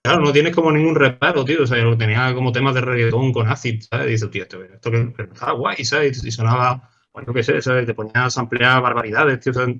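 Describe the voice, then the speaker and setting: Fast-talking Andalusian man, casual. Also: mid-range voice, fairly even intonation, a bit bright. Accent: Andalusian Spanish. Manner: fast, slangy, says "tío" and "¿sabes?" constantly. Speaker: guest musician. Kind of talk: casual podcast chat. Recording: dull lo-fi sound.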